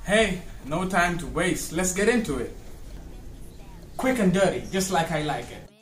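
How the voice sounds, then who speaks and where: Animated man arguing with himself, echoey room. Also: high voice, measured pace. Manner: argumentative, sweary, back-and-forth as if arguing with himself. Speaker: comedy skit performer. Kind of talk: comic monologue arguing with himself as two sides.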